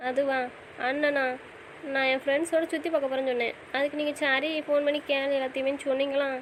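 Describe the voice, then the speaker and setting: A woman acts out an audio drama in a pleading, questioning manner. Her voice is high and her delivery quick, with faint noise behind it. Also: level tone, rough recording. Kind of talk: casual audio drama acting.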